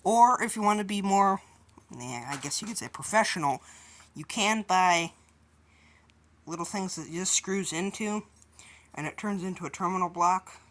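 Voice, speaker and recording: This DIY video host has a lowish, slightly bright voice and talks at a moderate pace, pausing often. She explains each step of the project casually and somewhat hesitantly.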